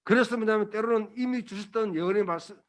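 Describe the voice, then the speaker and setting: A man's voice: sits high, fast talker. A male pastor preaching a Sunday sermon, emphatic and colloquial, with blunt asides and rhetorical questions to the congregation.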